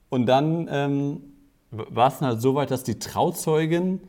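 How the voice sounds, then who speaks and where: A man co-hosting a casual podcast, a wedding photographer telling a lively anecdote and acting out quotes. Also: mid-range voice. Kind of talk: casual storytelling chat.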